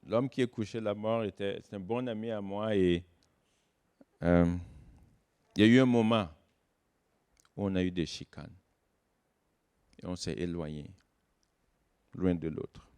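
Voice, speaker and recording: A man preaches a sermon to an online congregation. His delivery rises into slow, stressed phrases and then falls away into quiet, low remarks. He is mid-pitched and speaks in a measured way. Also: smooth. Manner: dynamic preaching, swings from loud emphasis to soft low asides. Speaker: guest pastor. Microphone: online church service recording.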